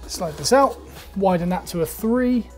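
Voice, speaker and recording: A man's voice: high-pitched, expressive, a little slow, over loud music. Upbeat young man teaching woodwork. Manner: upbeat, chatty, explains step by step. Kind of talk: instructional talk. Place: woodworking workshop.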